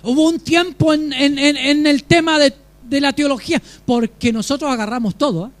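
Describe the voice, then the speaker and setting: A man's voice: very high voice, moderate pace. A pastor preaching a sermon with emphasis and putting questions to his congregation.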